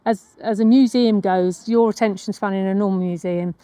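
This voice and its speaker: A woman's voice: mid-range voice, fairly even intonation, moderate pace, mellow, smooth, dry recording. A woman chatting casually and enthusiastically as a travel vlogger, recorded outdoors on a day out. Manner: enthusiastic, laughs easily. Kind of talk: casual chat. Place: outdoors at a museum.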